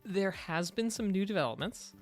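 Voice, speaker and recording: A man co-hosting a podcast, chatting casually and haltingly with frequent asides. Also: high-pitched, animated, soft background music. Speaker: podcast co-host. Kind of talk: casual chat.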